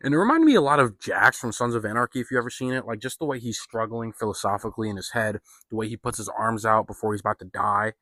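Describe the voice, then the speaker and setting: A man's voice: on the low side, lively intonation, fast talker, hardly any pauses, bright, forceful tone, no room sound, studio quality. A man giving a casual spoken film review, loose and profane, full of fillers and slang. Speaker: movie reviewer.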